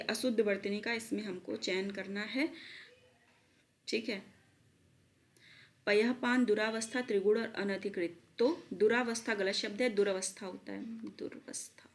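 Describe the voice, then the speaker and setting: Woman teaching spelling, repeating words slowly. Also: fairly high pitch. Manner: drills words by repeating them slowly, mixes in English terms. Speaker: exam coaching teacher. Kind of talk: online spelling lesson. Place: at a laptop.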